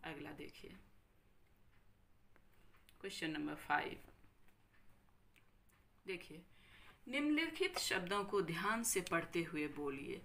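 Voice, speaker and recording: Woman teacher, Bihari Hindi accent, unhurried delivery, crisp bright tone, repeats words carefully. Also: on the low side, big pitch swings, a little hiss or hum. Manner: slow, careful, repeats each word and checks with "thik hai". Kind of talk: recorded classroom lesson explaining grammar.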